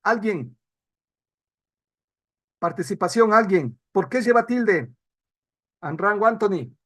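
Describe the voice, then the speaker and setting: A man's voice: high-pitched, lively intonation, slow pace, fairly bright tone. A man teaching an online class, explaining rules and putting questions to students over a video call.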